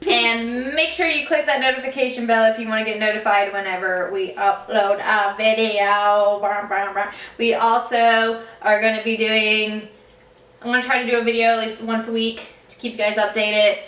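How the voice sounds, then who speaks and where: Bright-voiced young woman vlogging. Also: fairly high pitch, little pitch movement, moderate pace, reverberant, far from the mic, poor audio. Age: young adult. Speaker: family vlogger. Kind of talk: casual chat to camera and on calls.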